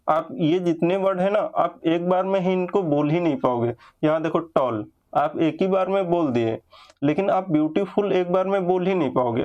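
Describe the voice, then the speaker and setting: A man teaching an English grammar lesson, explaining patiently and slowing down to spell out example words. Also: on the high side, a little mellow. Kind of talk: exam-prep grammar lesson.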